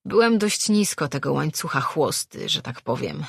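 A narrator voicing a bitter old male sailor who talks in rough, folksy speech, telling a tale in a storybook. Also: a little high, sing-song, normal speed, fairly bright tone, no echo, studio quality, heavily acted. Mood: reminiscing. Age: older.

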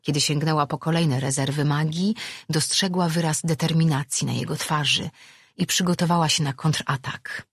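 An audiobook narrator reading a fantasy novel in steady scripted narration. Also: medium pitch, moderate pace, husky, no echo, clean studio sound.

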